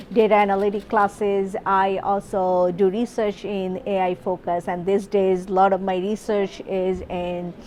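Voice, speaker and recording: A woman's voice: mid-range voice, a little mellow, slight background noise. Woman, middle-aged, conference interview, hesitant, filler-heavy. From Bangladesh. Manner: hesitant, many fillers and restarts. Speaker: professor and AI researcher.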